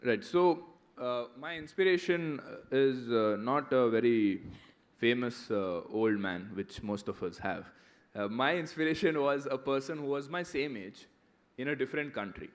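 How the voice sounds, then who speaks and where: A man's voice: mid-range voice, moderate pace. A man in his thirties with an Indian English accent, speaking to students in a conversational motivational talk, often checking in with "right?". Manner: conversational, keeps asking "right?". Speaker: guest speaker answering students.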